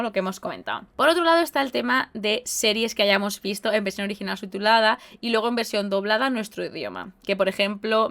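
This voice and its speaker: A woman with a Spain Spanish accent hosting a casual live podcast, chatty and expressive as she reads out viewer comments. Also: medium pitch. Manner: chatty and expressive, with lively exclamations. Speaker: podcast host and streamer.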